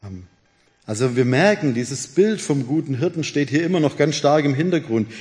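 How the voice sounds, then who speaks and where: A man's voice: mid-range voice, moderate pace, soft background music. A man preaching a sermon in German, explaining scripture and reading verses aloud to his listeners. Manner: reads scripture aloud, explains calmly, addresses listeners directly. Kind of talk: Bible teaching sermon.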